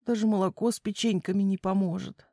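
A woman's voice: mid-range voice, steady tone, quick pace, dark tone, dry recording, studio quality, natural voice. A woman voicing a timid little boy wolf cub who whines and trembles with fear in a children's storybook. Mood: shaken. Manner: scared, whiny, trembling.

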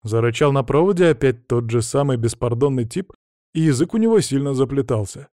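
A man narrating a first-person audiobook with a steady, wry delivery. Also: medium pitch, a little fast, no echo, studio quality.

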